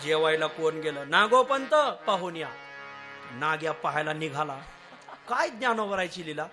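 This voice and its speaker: A man telling a devotional story as a kirtan preacher, animated and often laughing, a little unwell and slow on some words. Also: fairly high pitch. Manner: animated, acts out voices of villagers, laughs often. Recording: music behind the voice.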